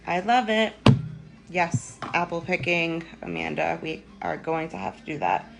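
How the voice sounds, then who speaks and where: A woman's voice: on the low side, unhurried, gravelly, over loud music. A young woman hosting a live makeup tutorial from home, rambling and self-deprecating as she chats with viewers. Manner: rambling, self-deprecating, lots of ums and likes.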